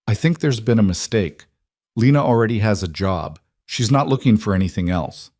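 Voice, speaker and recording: A man voicing a betrayed single father in a quarrel, hollow and bitter, his voice turning sharp and accusing. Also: on the low side, lively intonation, normal speed, dry recording, clean studio sound.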